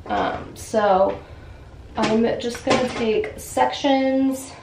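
A young lifestyle vlogger chats to the camera while doing her hair and starting dinner in her bathroom and kitchen, relaxed and full of fillers. Her voice is fairly high and creaky, and she talks extremely slowly. A camera mic at arm's length or on a stand picks her up in an echoey room with faint background noise.

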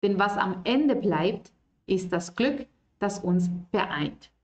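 A woman teaching German in an online lesson. She reads German lines slowly and clearly, then explains them in Spanish. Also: medium pitch, lively intonation, roomy sound.

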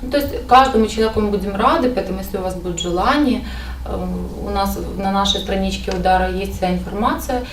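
Woman fielding press questions, steady explaining, echoey room from far off. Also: medium pitch, fast, slight background noise. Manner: steady, explanatory, some hesitation fillers. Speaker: party representative at a press conference. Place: indoor press conference room.

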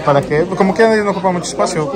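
A man's voice: high voice, very fast. A man giving casual running commentary on a phone camera while walking through a large indoor reptile expo with his family. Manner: chatty, remarks on prices while filming. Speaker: vlogger filming a family outing. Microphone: handheld phone camera. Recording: busy crowded hall. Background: crowd chatter.

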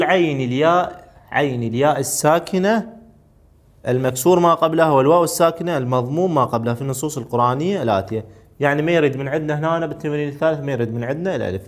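A man teaching a recorded lesson, working through exercises. He draws out and repeats key words slowly and lifts his voice when reading verses aloud. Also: medium pitch. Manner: slow, drawn-out repetition of key words; rises to read Quranic verses.

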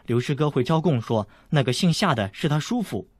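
A man's voice: on the high side, very animated, fast, slightly rough, dry recording, pitched above the performer's own voice. A man voicing a shy young swordswoman who speaks bashfully and gets flustered. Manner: bashful, stammering.

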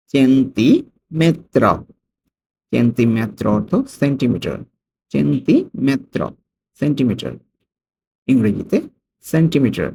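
A man teaching a vocabulary lesson, repeating each word slowly and stressing the foreign words. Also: mid-range voice, gravelly, warm tone, slightly rough. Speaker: language tutor.

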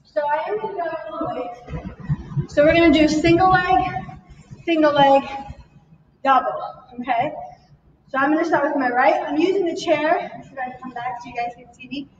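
A woman's voice: sits high, moderate pace, long pauses. A woman fitness instructor leading a live workout, encouraging the class and counting reps while she exercises, a little out of breath. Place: fitness studio, indoors. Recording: echoey, distant, slightly dull room sound.

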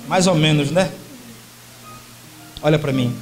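A man with a fairly high voice leads a prophetic ministry at the altar of a church, issuing firm directions to helpers and to a woman. Loud music plays under his voice throughout the live recording. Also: low-quality recording. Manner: commanding, gives quick orders to helpers and a woman. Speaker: pastor. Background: music playing.

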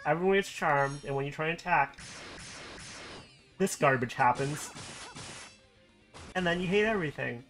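A game streamer giving live commentary at home, excitable, swearing often and laughing at their own mistakes. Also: mid-range voice, normal speed, long pauses, soft background music. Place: at home with a cat nearby.

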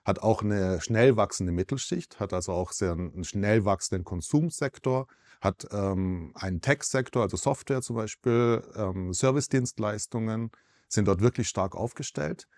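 Seated in a television studio, this foreign correspondent in his forties responds to an interviewer with calm, explanatory answers and the occasional small self-correction. He speaks in a lowish register with a darkish tone.

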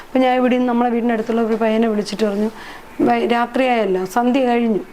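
A middle-aged woman gives an emotional account of her son in an interview. She talks in a halting way, repeats herself and trails off. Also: on the high side, steady tone, warm tone, a little hiss or hum. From Kerala, India. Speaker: interviewee, mother.

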